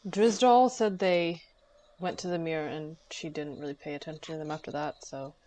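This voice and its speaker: A young woman with a somewhat low voice plays her character in a tabletop game. She recaps hesitantly and fills her pauses with fillers. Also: fairly even intonation, a little mellow, a little hiss or hum, poor audio. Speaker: player.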